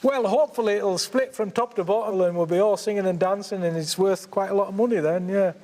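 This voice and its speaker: High-voiced Cumbrian man in an echoing space. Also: fast, darkish tone. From Cumbria, England. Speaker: slate miner and mine owner. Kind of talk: casual on-location explanation. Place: inside an underground slate mine. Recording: reverberant underground space.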